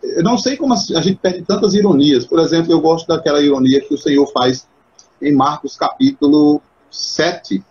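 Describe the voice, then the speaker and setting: A man hosting a casual live chat on Bible literature, animated and acting out the voices he quotes. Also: on the high side, normal speed, vocal fry, dull audio. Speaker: host.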